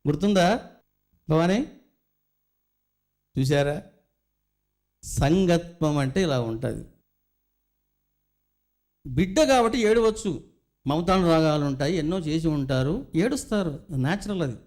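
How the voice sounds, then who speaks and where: A man's voice: fairly high pitch, animated, a little slow, long pauses, darkish tone. A middle-aged man, a spiritual teacher, giving a devotional discourse full of stories and rhetorical questions to his listeners.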